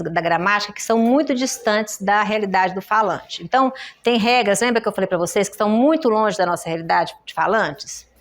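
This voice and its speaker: A woman with a Brazilian Portuguese accent teaching a classroom lesson on writing errors, explaining step by step and often checking in with her students. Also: mid-range voice. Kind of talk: classroom lecture. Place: in-person workshop room.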